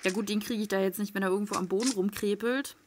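A woman giving excitable live commentary on her gameplay, swearing freely and swinging between loud outbursts and tense whispers. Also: mid-range voice, fast talker, heavy background noise. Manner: swears freely, talks to viewers with tag questions. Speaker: let's play gamer.

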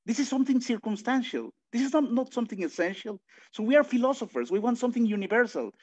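A Mexican man whose first language is Spanish gives an online philosophy lecture from a room at home, speaking fast in a very high voice with a Mexican accent. He thinks aloud, restarting often, using filler sounds, and throwing in animated asides. The webcam audio from the video call is dull and lo-fi.

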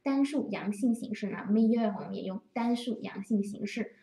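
A woman teaching French grammar to Chinese-speaking learners, patiently explaining and slowly repeating example phrases. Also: mid-range voice, dark tone. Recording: roomy echo, distant from the mic.

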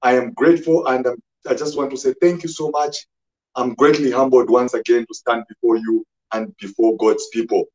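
A man preaching a sermon as a pastor, speaking slowly and emphatically and repeating his scripture references. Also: mid-range voice, fairly even intonation, a little mellow, lo-fi sound.

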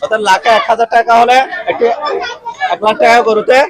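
A male field reporter speaks in a high voice with a Chattogram Bangladeshi accent. His delivery is quick and eager, yet halting, with repeated words as he presents and asks questions on location. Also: steady tone, a faint crowd. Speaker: reporter for a local online channel. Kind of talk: on-location market report with interviews. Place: outdoor cattle market.

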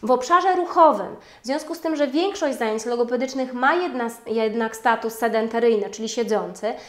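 A woman giving a webinar lecture on speech therapy, formal and measured, with frequent hesitation sounds. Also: fairly high pitch. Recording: roomy echo.

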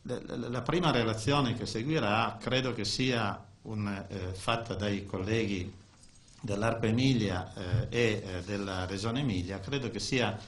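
Older guy presenting at a conference desk mic, lowish voice, lots of stops and restarts. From Italy. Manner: halting, with frequent restarts and fillers. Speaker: conference speaker. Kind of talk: technical presentation. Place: conference room, indoors. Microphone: desk microphone.

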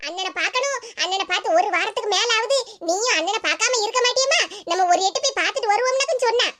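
Casting: a quarrelsome, cackling old cartoon mother-in-law, very high and fast, Tirunelveli Tamil accent. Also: bright, forceful tone. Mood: plotting. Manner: scolding, theatrical, cackling. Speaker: cartoon voice actor. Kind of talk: comic cartoon voice acting. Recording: noisy recording.

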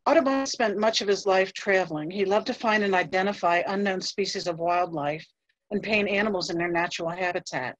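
Measured woman curator reading notes. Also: mid-range voice, dry recording, low-quality recording. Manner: measured, reads from notes with occasional fillers. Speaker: museum curator. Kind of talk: scripted museum history presentation.

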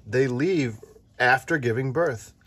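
Speaking slowly in a fairly bright, medium-pitched voice, this man plays parent and host while reading a children's book aloud. His chat is casual and playful, and he explains things simply for a child. The setting is an indoor tabletop, the book shot from overhead.

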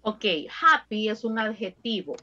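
A woman's voice: fairly high pitch, animated, unhurried, pushed and bright, highs cut off. A woman teaching an online English class, switching between English and Spanish to explain grammar and drilling her students with countdowns.

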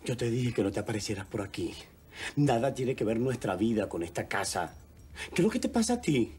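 A man's voice: mid-range voice, sing-song, a little fast, lightly acted. An actor playing a domineering, irritable well-off man in his thirties in a telenovela, scolding with a Venezuelan accent. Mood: angry, exasperated. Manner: scolding, bossy. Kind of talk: telenovela acting.

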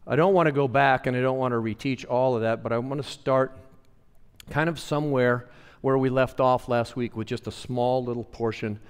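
A pastor preaches to his congregation in a mid-range man's voice, repeating phrases for emphasis and asking the room to answer him. He drops to near-hushed lines, then rises loud and emphatic. The sound carries a long reverb from the church hall. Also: medium pitch, fairly even intonation, normal speed, clean tone. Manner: swings between hushed lines and louder emphatic ones. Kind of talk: sermon. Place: church sanctuary.

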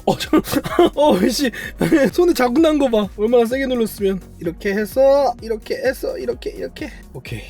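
A model kit reviewer giving hands-on build commentary, chatty and talking to themself while building, playfully boastful and quick with excited exclamations. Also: mid-range voice, faint music behind. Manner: playfully boastful, self-praising.

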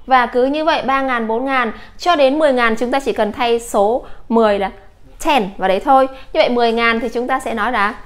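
A woman English teacher from Vietnam giving a patient lesson, slowly modeling English words for her students. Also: a little high. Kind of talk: classroom lesson.

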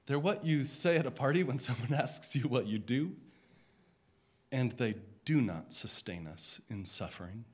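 A man who is a minister, giving a sermon in a reflective, measured way, his voice dropping softly at the ends of phrases. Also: medium pitch, lively intonation, breathy edge. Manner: slow, reflective, measured delivery.

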